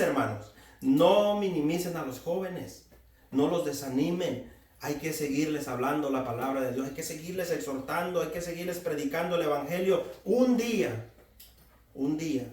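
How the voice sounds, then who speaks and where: High-voiced man preaching in an echoey hall. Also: darkish tone, far from the mic. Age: 40s. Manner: exhorting, addresses the congregation directly. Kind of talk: sermon.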